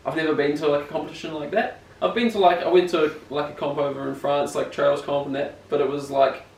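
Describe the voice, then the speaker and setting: Talking fast with vocal fry and fairly even intonation, this young BMX rider has a fairly high voice and a broad New Zealand accent. In casual conversation with an interviewer he rambles, uses slang and makes fun of himself. The recording is from an echoey room with a distant mic and faint noise.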